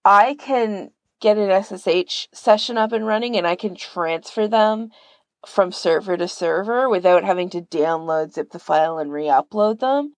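A volunteer archivist guesting on a podcast explains things in a casual chat, informal and full of filler words. Her medium-pitched voice moves at a moderate pace with no echo.

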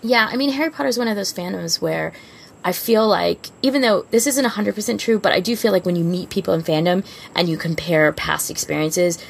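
A woman with a brisk, gravelly voice co-hosts a casual fan podcast, chatting informally with exclamations and teasing. A faint rumbling noise sits in the background.

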